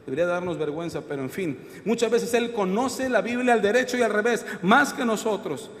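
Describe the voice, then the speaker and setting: A man's voice: sits high, fairly quick, fairly bright tone, in a large hall. A man preaching a sermon in a church, calling out questions to the congregation. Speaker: pastor. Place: church hall.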